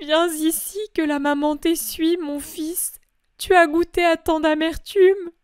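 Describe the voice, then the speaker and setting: A woman's voice: very high voice, unhurried, a bit bright, no room sound, clean studio sound, voice pushed up. A woman voicing the grieving mother of Jesus, imploring and sobbing in a breaking voice, in a dramatic religious reading. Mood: tender.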